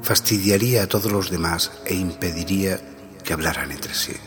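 A man narrating a story in a grave, hushed way, at times dropping to a whisper. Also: sits low, moderate pace. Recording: reverb-heavy with background music.

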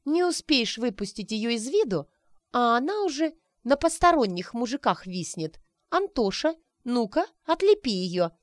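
A woman's voice: a little high, big pitch swings, normal speed, no echo, studio quality, voice pushed up. A woman voicing a fussy, bossy young woman who scolds and orders others about.

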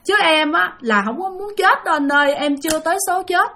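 A man's voice: very high voice, brisk, bright, forceful tone, voice pushed up, exaggerated voice. A woman voicing the tearful ghost of a young man who begs that he did not want to die, with a Southern Vietnamese accent. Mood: tearful pleading. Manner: sobbing, begging, urgent.

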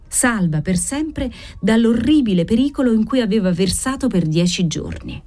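A woman narrating a classic novel aloud in a measured, expressive reading. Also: mid-range voice. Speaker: audiobook narrator.

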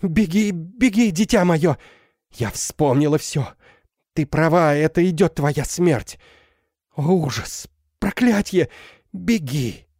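A man's voice: a little high, expressive, measured pace, dark tone, dry recording, studio quality, voice pushed up. A man voicing a half-mad older woman, a recluse mother, who talks wildly and tearfully in an audiobook. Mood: panicked. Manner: wild, tearful, swinging between joy and terror. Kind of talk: audiobook character voice.

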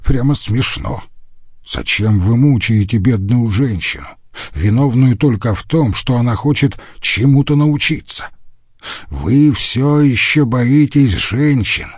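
A man's voice: medium pitch, unhurried, breathy edge, no echo, clean studio sound. A man doing a sly, grumbling old professor. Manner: grumbling, chuckling. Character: old drowsy male professor, sly and gleeful.

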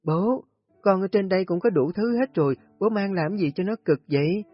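A man voicing a young woman, a guilt-ridden new mother who speaks softly and pleadingly, in a storybook reading. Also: sits high, normal speed, no room sound, pitched above the performer's own voice. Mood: gentle. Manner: soft, pleading, tearful. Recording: husky voice, dull lo-fi audio, faint music.

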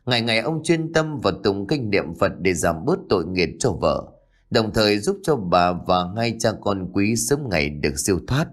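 A man narrating a ghost story in a dramatic, expressive way. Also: lowish voice, moderate pace.

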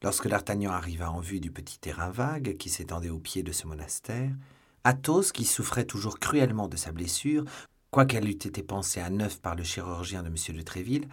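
A man's voice: lowish voice, husky. A man narrating a classic novel as an audiobook, reading steadily. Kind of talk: scripted narration.

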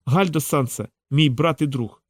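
A man's voice: on the high side, moderate pace, no room sound, studio quality, close to an everyday voice. A man voicing a bloodied young male thief in a storybook fight, frantic and half-mad, his voice raised and strained. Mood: grieving.

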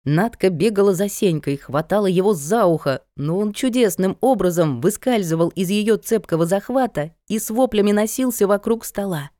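A woman reads a first-person story aloud in a wry, conversational way. Her voice is mellow and dark at a middle pitch. The recording is close and dry. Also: expressive, normal speed, few pauses, no echo. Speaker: audiobook narrator. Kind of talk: first-person audiobook narration.

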